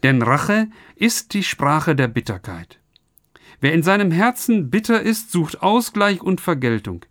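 A man's voice: fairly high pitch, sing-song, a little slow, fairly bright tone, no echo, clean studio sound. A man preaching a radio sermon, speaking earnestly and turning to his listeners with direct questions.

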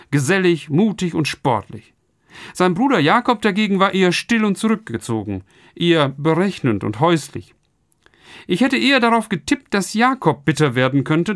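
Male radio preacher, earnest and direct, voice pitched a little high, dry studio sound. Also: no echo. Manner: earnest, addresses listeners directly. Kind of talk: radio sermon.

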